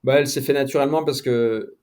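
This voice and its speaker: A man's voice: mid-range voice, fairly even intonation, fast, darkish tone. A middle-aged man, a sports journalist guest, chatting casually in an interview with many fillers and restarts.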